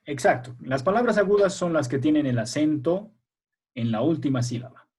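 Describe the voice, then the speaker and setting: His voice is a little high, darkish and slightly rough, and he speaks expressively at a moderate pace. This man teaches young pupils a language class by video call, patiently quizzing and encouraging them while frequently asking "a ver" and "¿ya?".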